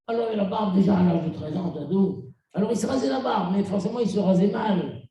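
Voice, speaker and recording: A middle-aged man from Tunisia, a rabbi giving a sermon as an animated storyteller who acts out the dialogue. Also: high-pitched, fast. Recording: very echoey room, mic far off.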